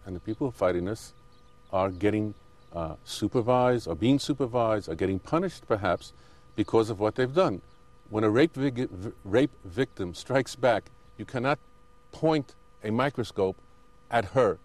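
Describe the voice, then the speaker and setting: A man's voice: lowish voice, expressive, normal speed, a little mellow. A man answering as an interview guest, arguing back insistently with some hesitant self-corrections. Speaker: interview guest, Israeli settler.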